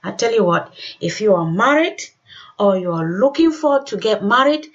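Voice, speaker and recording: A woman's voice: mid-range voice, expressive, moderate pace. Emphatic woman radio host, dull lo-fi sound. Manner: emphatic, repeats phrases. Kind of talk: exhortatory religious radio introduction.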